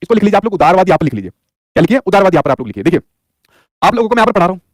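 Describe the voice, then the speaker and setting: A man's voice: sits high, very animated, no echo, studio quality. A man teaching an exam-prep lesson, asking questions and answering them himself. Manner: rapid, repeats his own questions back to the viewer.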